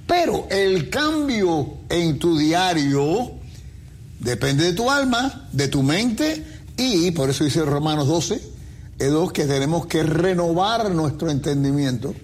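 Preaching man, slightly higher voice. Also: sing-song, slow pace. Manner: preachy, uses everyday comparisons. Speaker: pastor co-host. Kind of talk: faith talk show answering questions.

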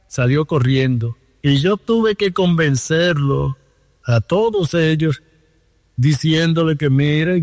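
A Dominican man speaks earnestly down a phone line, recounting his past. His voice sits a bit high and carries a long reverb. The close sound is otherwise dry. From Dominican Republic. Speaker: guest. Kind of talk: testimony over the phone.

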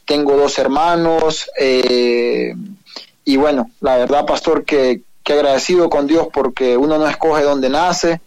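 This young adult professional footballer with a Honduran accent is a guest on a phone interview, talking hesitantly with many fillers and frequent religious phrases. His voice is a little high and darkish, with a steady tone and a slightly slow pace.

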